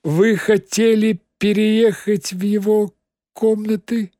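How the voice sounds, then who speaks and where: A nasal demon henchman who menaces with slow, falsely sincere questions, voiced by a man. He sits higher than the reader's own voice and takes his time, recorded dry and close. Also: level tone, dark tone, no echo. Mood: menacing.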